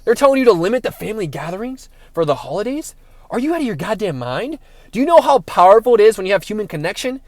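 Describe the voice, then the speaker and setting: A young man delivers a heated, swear-filled monologue, calling his listeners "bro" as he preaches. His voice sits high for a man. The sound is dry and close, with no room echo. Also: very animated, fast. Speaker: spiritual vlogger. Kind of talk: casual monologue.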